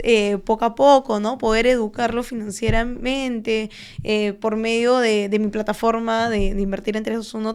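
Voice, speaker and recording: A young woman with a smooth, resonant voice pitched a little high talks through finance as an interview guest. She explains in a measured, patient way, padding her thoughts with fillers and little "right?" tags. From Peru. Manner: measured, explanatory, frequent fillers and tag questions. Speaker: guest, stock trader and finance content creator. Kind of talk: conversational interview.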